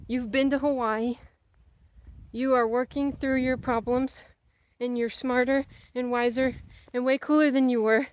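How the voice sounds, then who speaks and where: The sound is lo-fi with a little hiss or hum, and her high-sitting voice moves at a measured pace. She is a young adult vlogger confiding casually to the camera, animatedly acting out the conversations she retells.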